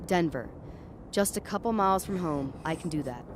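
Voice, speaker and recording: Sounding close to her everyday voice, this fairly low-pitched woman is animated but keeps a normal speed. She voices a nervous young woman tripping along on her way home at night, telling it in the first person for a dramatic audio story, uneasy and watchful, with clear street and traffic noise in the background.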